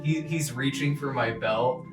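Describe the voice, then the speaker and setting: A man casually improvising his character's actions as a tabletop game player, halting and jokey. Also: medium pitch. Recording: roomy, distant mic, music underneath.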